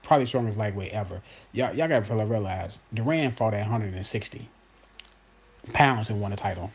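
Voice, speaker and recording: A husky man in his early forties holds forth in a loose, unscripted monologue. He talks emphatically, circles back to repeat his points and speaks straight to the people watching. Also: fairly low pitch, fairly quick. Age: 40s. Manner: emphatic, repeats himself, addresses viewers as y'all. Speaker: boxing commentator host. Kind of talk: casual opinion monologue.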